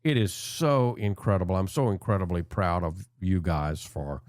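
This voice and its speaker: A man's voice: sits low, animated, normal speed, a little mellow, no room sound, studio quality. A man hosting a casual talk show interview, enthusiastic and supportive. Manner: enthusiastic, supportive, frequent affirmations.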